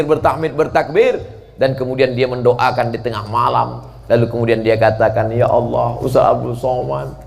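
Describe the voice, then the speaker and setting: A man preaching a dawn sermon in a mosque, lively and joking, who bursts into shouts and draws out chanted Arabic phrases. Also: medium pitch. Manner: animated, jumps to shouting, playful jokes, drawn-out chanted Arabic.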